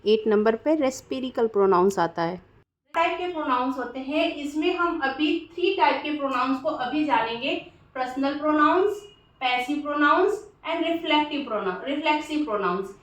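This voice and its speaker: A woman teaching English grammar, explaining patiently, repeating herself and slowing down to spell out example sentences as she writes them. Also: high voice, expressive. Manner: patient, repeats points with frequent "ठीक है"; slows down to spell out example sentences while writing. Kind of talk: classroom-style explanation. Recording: very echoey room, distant mic.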